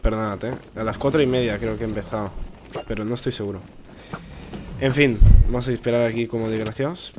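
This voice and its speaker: A man's voice: fairly low pitch, steady tone, quick pace, noisy background. A man with a Spain Spanish accent giving casual, rambling gameplay commentary, swearing freely as he talks. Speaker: gaming YouTuber.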